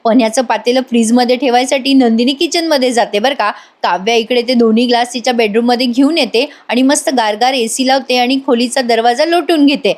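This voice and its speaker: A woman's voice: a little high, brisk, hardly any pauses. A woman recapping a TV serial episode in a voice-over, chatting directly to her viewers.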